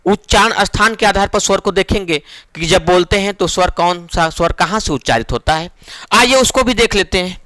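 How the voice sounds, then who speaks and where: A man teaching a Hindi exam-prep lesson, slow and emphatic. He repeats each point, asks and answers his own questions, and draws out vowel sounds to show them. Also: high-pitched, sharp tone, dry recording.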